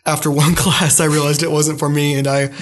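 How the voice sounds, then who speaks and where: A young man, a student guest in a casual interview, speaks in a slightly high, flat voice. He talks haltingly, filling pauses with small hesitations and often circling back to restart his thoughts. A faint hiss or hum sits under the recording.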